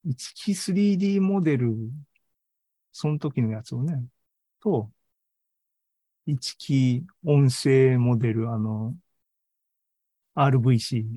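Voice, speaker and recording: A man with a mid-range, warm voice speaks a little slowly, leaving long pauses, with no echo in the recording. Presenting an online AI seminar and podcast indoors during a live video meeting, he gives an informal tech talk, thinking aloud in a conversational way and often tacking tags onto his sentences to seek agreement.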